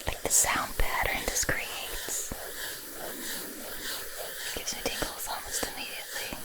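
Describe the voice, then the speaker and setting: A woman whispering casually to viewers as an ASMR host, chatty and informal, in a breathy unvoiced voice close to the mic. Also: a little slow, low-quality recording. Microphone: close Tascam recorder mic.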